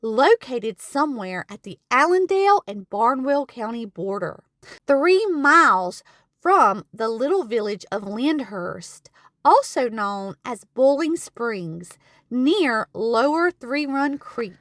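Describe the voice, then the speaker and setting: A woman narrating a local history travel video in a slow, measured, scripted reading voice, recorded as a close voice-over. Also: on the high side, very animated, fairly bright tone, no room sound.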